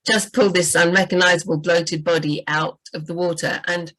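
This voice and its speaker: Chatty woman with a lowish voice. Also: steady tone, fairly quick, fairly bright tone, poor audio. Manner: chatty, frequent "you know" and restarts. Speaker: book editor and writing coach. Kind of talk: casual livestream chat.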